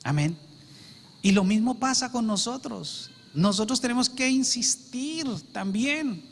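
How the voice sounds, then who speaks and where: A man's voice: very high-pitched, lively intonation, unhurried, creaky, long reverb tail. A male pastor preaching a sermon with emphasis, repeating phrases and saying "amén" often.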